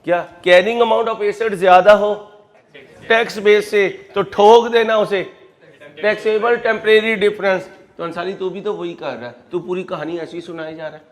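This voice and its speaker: Lively pakistani guy teaching accounts, highish voice, keeps calling students beta. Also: normal speed. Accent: Pakistani Urdu. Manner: animated, addresses students as "beta", acts out student objections. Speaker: accounting lecturer. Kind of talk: classroom lecture.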